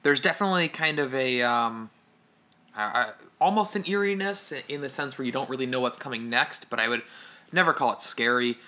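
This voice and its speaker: A man's voice: mid-range voice, animated, a little fast, bright, forceful tone. A man co-hosting a podcast, chatting casually about a film, hesitant with frequent restarts. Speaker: podcast co-host. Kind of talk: casual film review chat.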